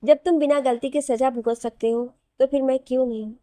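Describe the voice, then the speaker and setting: A woman voicing a quiet, sorrowful young bride in a spoken story. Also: high-pitched, steady tone, normal speed, no room sound, lightly acted. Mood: subdued.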